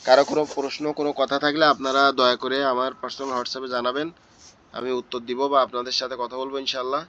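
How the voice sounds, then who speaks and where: Man, hoarse voice, slow repetitive drilling, online Quran lesson, dull lo-fi audio. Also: mid-range voice, little pitch movement, pushed and bright. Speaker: Quran teacher. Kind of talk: online tajweed class. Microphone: online class audio.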